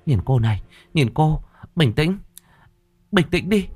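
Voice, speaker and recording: A frantic middle-aged mother, put on by a male storyteller, her voice pushed high and shrill. She scolds and pleads with wild swings of pitch, like a character in a spoken ghost story. The sound is dry and close, with faint music behind. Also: lively intonation, slow, a little mellow, slightly rough, dry recording, full character voice.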